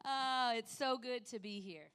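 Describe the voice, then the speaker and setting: A woman in her forties, a missionary preacher, speaking in a church sermon with frequent laughter and halting restarts as an interpreter follows her. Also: on the high side, fairly bright tone, clear, resonant tone. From United States.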